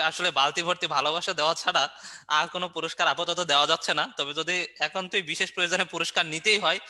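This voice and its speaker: Man, online teacher, high voice, very bright and sharp tone, playful quizzing style. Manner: quizzes students and answers his own questions with memory tricks; playful and joking. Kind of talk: online review class lecture.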